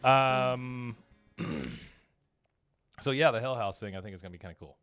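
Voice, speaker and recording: A man's voice: medium pitch, lively intonation, a little slow, fairly bright tone, smooth, dry recording, faint music behind. A man co-hosting a podcast, talking in a rambling, casual way with frequent laughs. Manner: rambling, laughing, self-deprecating. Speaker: podcast co-host. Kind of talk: casual chat.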